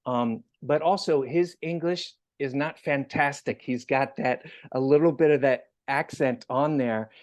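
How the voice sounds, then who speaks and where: A man's voice: mid-range voice, a little slow, few pauses. A man hosting a casual interview, rambling and restarting his sentences with lots of fillers. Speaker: interview host.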